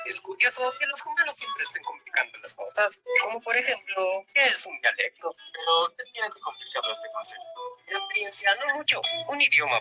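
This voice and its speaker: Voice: medium pitch, poor audio. A voice actor doing a curious creature puzzling over humans. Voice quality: playful, questioning back-and-forth. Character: non-human beings chatting curiously about humans. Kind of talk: animated educational video dialogue. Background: background music.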